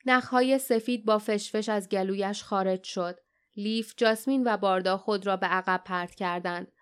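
A woman narrating a fantasy audiobook in a steady, tense storytelling manner. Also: medium pitch, clear, resonant tone.

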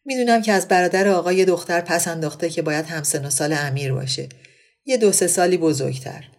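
A sullen aristocratic widow, curt and grudging, her low voice heavy with resentment, as a woman narrator puts her on. She answers in short, sighing phrases in this storybook reading. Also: lightly acted. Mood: resentful.

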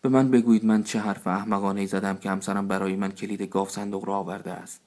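A pompous, foolish village council head holds forth in a lowish male voice, proclaiming his ideas with smug certainty, as a man reads him aloud. This is storybook reading, told plainly rather than with a heavy character voice. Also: level tone, a little mellow, close to an everyday voice. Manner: self-satisfied, proclaiming.

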